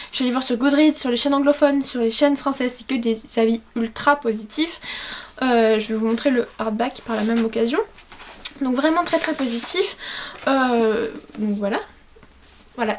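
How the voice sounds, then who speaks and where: A young woman chatting informally in a book haul vlog, correcting herself and stressing her words with repeated intensifiers. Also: sits high. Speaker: book vlogger.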